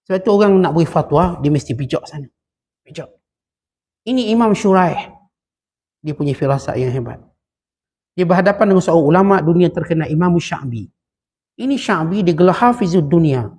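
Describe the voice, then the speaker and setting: A man's voice: on the high side, a little fast, pauses often, husky. A middle-aged Malaysian man with a Malaysian Malay accent, teaching a religious sermon and telling stories with quoted dialogue. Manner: storytelling, animated, with quoted dialogue.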